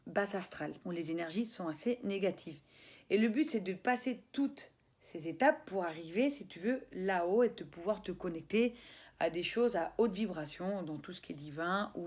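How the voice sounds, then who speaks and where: Husky young woman chatting casually, slangy and animated, tells her story like to a friend. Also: mid-range voice. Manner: animated, slangy, laughs often, acts out voices. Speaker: spiritual vlogger.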